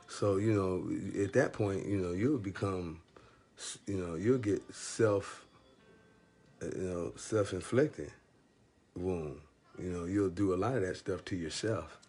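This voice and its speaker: A man with a very low, deep voice talks about faith to one listener in a loose, unscripted way. He stops and restarts his sentences and leans on "you know" over and over. He uses plain street-flavored phrasing and chuckles through his stories. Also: a little mellow, slightly rough. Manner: rambling and halting, with constant "you know" fillers. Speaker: speaker giving spiritual encouragement. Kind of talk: casual faith talk addressed to one listener.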